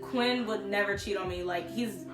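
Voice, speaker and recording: A woman's voice: mid-range voice, normal speed, echoey room, over music. A young woman co-hosting a podcast in casual chat, blunt and profane, laughing often. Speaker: podcast co-host.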